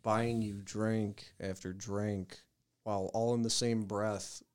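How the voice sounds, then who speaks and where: A man's voice: fairly low pitch, little pitch movement, takes it slowly, darkish tone, smooth. A man co-hosting a casual podcast, teasing his friends with dry jokes. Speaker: podcast co-host. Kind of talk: casual chat.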